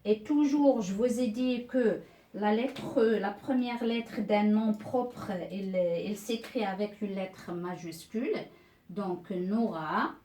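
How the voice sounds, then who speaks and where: A woman's voice: medium pitch, takes it slowly, mellow, recorded from a distance, slight background noise. A woman teacher giving a beginners' reading lesson, patiently repeating words and syllables one by one. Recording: echoey room, voice off-mic.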